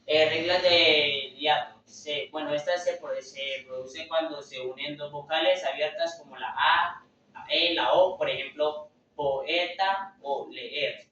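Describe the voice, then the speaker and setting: A man's voice: a little high, steady tone, slow pace, pushed and bright, slight background noise. A young man giving a class presentation, hesitant and filler-heavy, often restarting his words. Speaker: student presenter. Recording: echoey room, far from mic, dull lo-fi.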